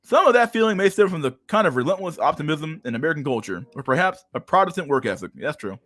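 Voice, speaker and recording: This man in his thirties talks fast in a high, somewhat bright voice with big swings in pitch. On his livestream he reads an article aloud before veering into crude, mocking rants full of laughter, and the audio has no echo.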